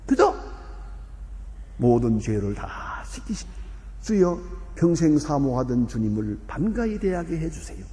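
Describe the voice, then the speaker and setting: An older man preaches as a pastor, his fairly high voice swinging up and down. He tells stories and punches certain words loudly. His voice trails off into the long reverb of a church sanctuary. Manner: lively storytelling with sudden loud emphasis. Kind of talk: sermon.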